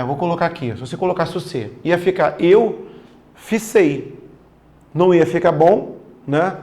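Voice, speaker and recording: A man's voice: on the high side, darkish tone. A man teaching a grammar lesson for exam prep in a casual, slangy way, often checking in with his students.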